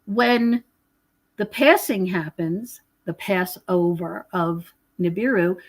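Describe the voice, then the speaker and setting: Speaking slowly in a lowish voice, this author and prophecy researcher explains her spiritual beliefs as a podcast guest in a conversational interview. Her delivery is emphatic and preachy, with frequent repeated words and check-ins with the listener.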